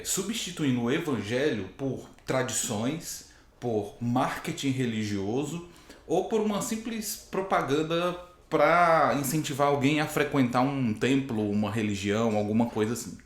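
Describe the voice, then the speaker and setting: A hoarse man gives a Bible teaching straight to the camera. He keeps restating each point and checks in with listeners as he goes. His voice sits at an ordinary middle pitch, and it rings around a very echoey room. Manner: explanatory, rephrases points and asks "né?".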